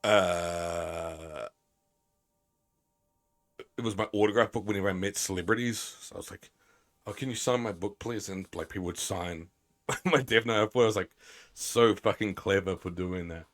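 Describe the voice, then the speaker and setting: A male streamer with a very deep voice rambles along with his game, swearing freely and poking fun at himself. His talk is casual and loose, full of fillers and restarts. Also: moderate pace. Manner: rambling, profane, self-mocking. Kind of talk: casual live-stream commentary.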